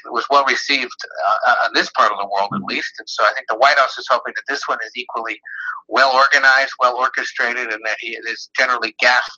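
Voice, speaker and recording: Bright-voiced man over the phone. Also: medium pitch, fairly even intonation. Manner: measured, explanatory, with frequent filler pauses. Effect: heard over the phone. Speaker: politics reporter. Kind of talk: phone interview. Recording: muffled phone line.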